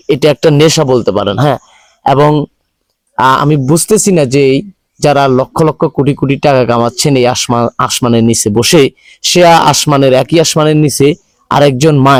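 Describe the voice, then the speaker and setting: A man with a Bangladeshi accent hosting a charity video, speaking in a halting, repetitive, pleading way to viewers. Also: mid-range voice, dry recording. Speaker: charity video host appealing for donations. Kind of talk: earnest spoken appeal to viewers, interviewing.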